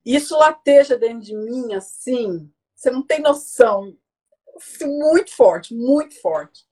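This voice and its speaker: A woman in her forties with a slightly husky, higher-pitched voice tells her story with real animation. She slips into other people's lines as she recounts them. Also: a little slow. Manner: animated, acts out quoted dialogue. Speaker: guest speaker. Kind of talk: emotional conversational storytelling.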